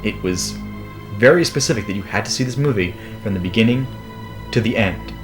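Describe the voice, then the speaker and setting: A man's voice: lowish voice, fairly quick, over music. A man in a documentary interview, speaking in a conversational, speculative way.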